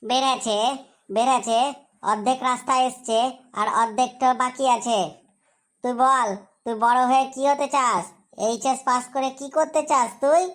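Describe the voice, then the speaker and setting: A woman's voice: sits high, fairly even intonation, moderate pace, close to an everyday voice. A woman playing a fussy male village computer-shop operator, rambling and scolding. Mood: grumbling. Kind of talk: comedy sketch acting.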